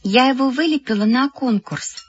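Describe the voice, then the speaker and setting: Woman voicing a shrill, excited schoolgirl. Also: moderate pace, slightly rough, no echo. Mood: eager. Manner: high, excited and shouting. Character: lively, insistent schoolgirl friend. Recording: dull lo-fi with music behind.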